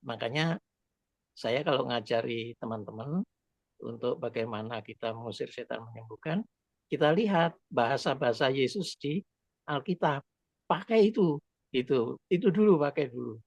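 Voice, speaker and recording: Gravelly man on a muffled phone call. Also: medium pitch, expressive, moderate pace, pauses often, no echo. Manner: rambling, hesitant, explanatory. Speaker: participant adding to the teaching. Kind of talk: casual teaching. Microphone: phone with headset.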